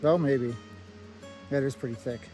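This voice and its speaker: A man's voice: mid-range voice, warm tone, soft background music. A man vlogging outdoors in a winter forest while metal detecting, enthusiastic and marveling at what turns up. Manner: enthusiastic, marveling, quick reactions. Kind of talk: outdoor vlog narration to camera.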